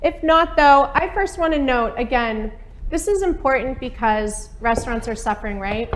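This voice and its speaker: Upbeat woman host from maine, high voice, chatty live webcast talk. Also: animated, moderate pace, noisy background. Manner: upbeat, chatty, laughs often. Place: studio set with a small table and laptop.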